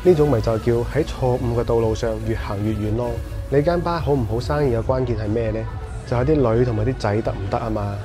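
Fast-talking Cantonese man, wry street commentary. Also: medium pitch. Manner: wry, opinionated, teasing. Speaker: vlog host. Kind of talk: walking tour commentary. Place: busy nightlife street outdoors. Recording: music blaring from street bars. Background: loud bar music.

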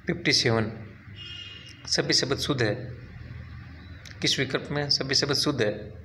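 A man works through quiz questions as a teacher, going over each answer step by step. He pauses to correct himself and repeat points. A faint hiss of background noise sits behind his mid-pitched voice. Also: bright, forceful tone. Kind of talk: exam quiz walkthrough.

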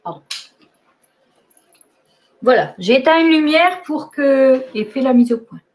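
Higher-voiced woman co-host, playful, keeps chiming in with jokes. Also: lively intonation, unhurried. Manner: joking, chiming in with asides. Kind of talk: casual live stream chat.

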